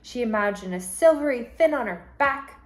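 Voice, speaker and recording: A woman teacher with a fairly high voice reads a storybook aloud to children, deliberately and expressively, in an instructive way, explaining vocabulary as she goes.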